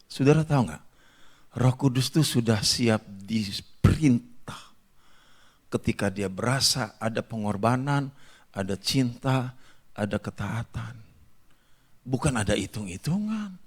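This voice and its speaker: A man's voice: medium pitch, expressive, a little slow, pauses often, husky. A man preaching a sermon as a pastor, telling a funny story to his congregation with laughter. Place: church hall.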